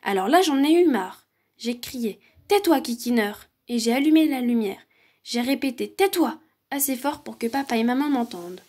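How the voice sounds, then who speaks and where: Woman story reader, high husky voice, lively expressive read-aloud. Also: normal speed. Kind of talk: reading a children's picture book aloud.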